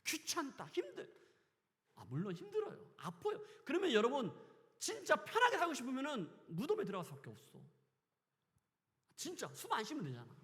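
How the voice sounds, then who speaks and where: A man preaching a sermon as pastor, switching between loud exclamations and quiet asides. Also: extremely high pitch, huge pitch swings, fairly quick, in a large hall. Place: church sanctuary.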